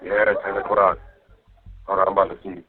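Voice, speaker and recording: A low-pitched man with a flat delivery talks fairly quickly, with crowd noise around him, on a muffled jail phone line where faint music can be heard. The inmate vents to his partner casually and with profanity. He rambles and keeps repeating himself with "you know what I mean" to make sure he's understood.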